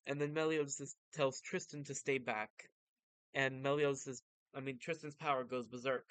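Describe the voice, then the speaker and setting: Male vtuber, casual fan commentary, mid-pitched clean smooth voice, close dry sound. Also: steady tone, moderate pace, a bit bright, dry recording. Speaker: vtuber reading and commenting on manga.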